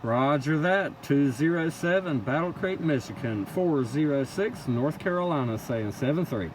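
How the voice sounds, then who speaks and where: A CB radio operator calls out contacts in clipped call-sign phrases, his voice on the high side, animated, and at a moderate pace. Very loud, vehicle-like noise fills the background.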